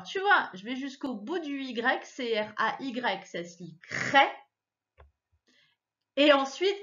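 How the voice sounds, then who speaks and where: A woman teacher giving a child a reading lesson, patiently sounding out syllables and repeating words, her pitch jumping up when she stresses a point. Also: a bit bright, dull audio. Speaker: primary school teacher.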